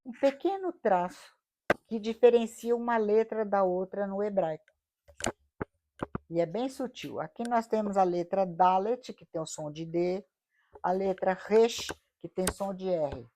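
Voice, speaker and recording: A woman's voice: mid-range voice, lively intonation, unhurried, background noise. A middle-aged woman with a Brazilian Portuguese accent teaching a Bible study lesson, explaining patiently and often asking her listeners rhetorical questions.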